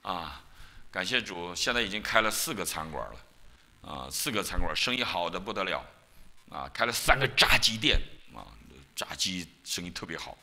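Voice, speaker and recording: A man preaching from the pulpit with a swooping, lively voice that rises and falls all through his sentences. His tone is sharp and forceful, cutting through clearly. He tells stories with energy and acts out quoted voices. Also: deep voice, normal speed. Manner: animated storytelling, acting out biblical quotes. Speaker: pastor. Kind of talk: sermon. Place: church.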